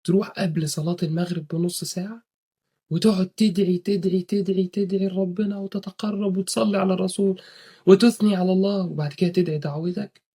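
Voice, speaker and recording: A man's voice: high-pitched, fairly even intonation, quick pace, warm tone, slightly rough. A young man with an Egyptian Arabic accent giving earnest casual advice to viewers, often swearing oaths. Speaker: religious advice speaker.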